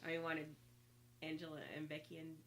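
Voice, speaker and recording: Low-voiced woman recalling family times. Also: completely flat delivery, a little hiss or hum, rough recording. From Oklahoma. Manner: halting, fillers, reluctant then earnest. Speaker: guest sister. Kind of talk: casual family storytelling.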